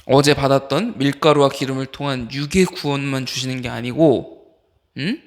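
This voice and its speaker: A man's voice: medium pitch, moderate pace. A man, an associate pastor, preaching informally to a youth group, firing questions at the teens and calling on them by name. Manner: animated, fires questions at listeners. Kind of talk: youth sermon.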